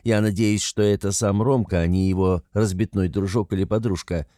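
Low dark-voiced man narrating an audiobook. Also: fairly even intonation, moderate pace, dry recording, studio quality. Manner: wry, teasing. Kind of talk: first-person audiobook narration.

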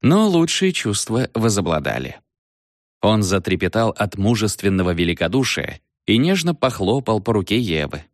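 Man reading a comic audiobook, low voice, very lively, dry close mic. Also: moderate pace, no room sound. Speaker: audiobook narrator. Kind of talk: scripted narration.

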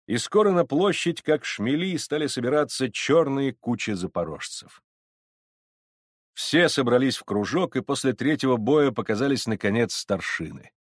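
A man's voice: medium pitch, no echo, studio quality. A man narrating a classic story, reading expressively. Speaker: audiobook narrator. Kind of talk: scripted narration.

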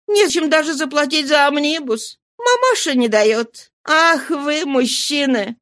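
A woman's voice: high voice, animated, unhurried, fairly bright tone, voice pushed up. A woman voicing a flighty, impatient young woman who scolds and exclaims. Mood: exasperated.

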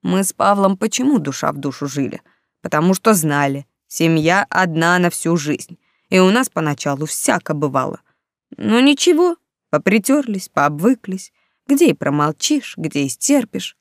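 A woman's voice: fairly low pitch, lively intonation, moderate pace, no room sound. A woman voicing an elderly grandmother who lectures her granddaughters in homespun sayings, read in a dry, close recording. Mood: lecturing.

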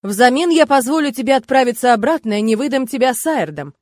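A haughty count full of contempt, pressing each word on his captive, as a woman voices him in an audiobook. The voice sits fairly high and the recording is dry and close. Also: lively intonation, fast talker, a little mellow, no room sound. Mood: threatening. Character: haughty male count, menacing and scornful. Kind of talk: audiobook character reading.

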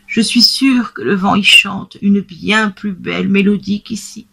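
A woman's voice: medium pitch, steady tone, measured pace, vocal fry, background noise. A woman voicing Blanquette, a wistful young goat. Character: young female goat longing for freedom. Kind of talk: storybook reading.

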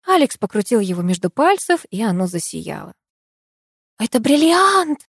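Expressive woman narrating an audiobook. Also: lowish voice, a little fast, vocal fry, husky, dry recording, studio quality. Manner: expressive, lively reading. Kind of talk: first-person novel narration.

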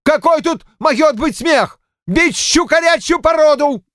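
A man's voice: very high voice, measured pace, fairly bright tone, no echo, studio quality, voice pushed up. A male audiobook narrator voicing a hot-tempered Cossack man who bellows fiercely. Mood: outraged.

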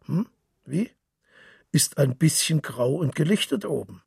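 A man voicing a boisterous, hard-drinking middle-aged male journalist, loud and boastful, with a gravelly, raspy voice. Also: a little high, expressive, a little slow, dry recording, studio quality, pitched above the performer's own voice, full character voice. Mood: hearty.

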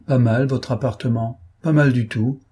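A man voicing a sly, cocky gentleman thief who teases his captors in an ironic, lively tone, in a read-aloud novel. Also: medium pitch, normal speed, husky. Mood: mocking.

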